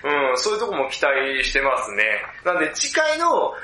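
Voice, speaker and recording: A man with a very bright, sharp tone and a lively, bouncing pitch, co-hosting a relaxed film chat. He hesitates often with fillers and laughs readily. The sound is roomy and echoey. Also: moderate pace. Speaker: podcast co-host. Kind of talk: casual movie review chat.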